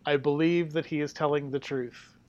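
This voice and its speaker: A man's voice: fairly high pitch, fairly even intonation, normal speed, darkish tone, lo-fi sound. A man chatting casually as a panelist, earnest in his praise and playful with jokes. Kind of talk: casual chat.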